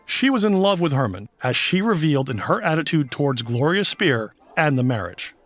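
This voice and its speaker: A man's voice: on the high side, big pitch swings, a little fast, fairly bright tone, no echo, soft background music. Man playing a dry, patient mystic detective. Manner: patient, precise, dryly exasperated. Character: calm formal male mystic crime-fighter detective. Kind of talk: comedic audio drama acting.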